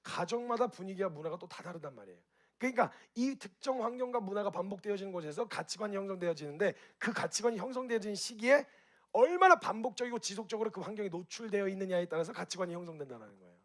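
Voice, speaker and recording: A man giving a lively talk to an audience, asking them questions and acting out reactions with sound effects. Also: high voice, quick pace. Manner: animated, direct questions to the audience. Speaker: speaker at a group gathering.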